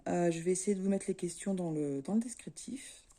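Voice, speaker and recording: A middle-aged woman from France, a craft vlogger chatting casually to her viewers in a relaxed, easygoing way with many fillers. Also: lowish voice, a little fast. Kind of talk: casual chat to camera.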